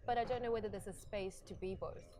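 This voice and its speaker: A woman's voice: mid-range voice, steady tone. A woman in her twenties from Zimbabwe, a podcast guest talking thoughtfully about teaching and identity. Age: 20s. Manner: quick, thoughtful and conversational, with frequent agreeing murmurs. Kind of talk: podcast interview. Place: busy public venue. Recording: noisy crowd in a public venue. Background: crowd chatter.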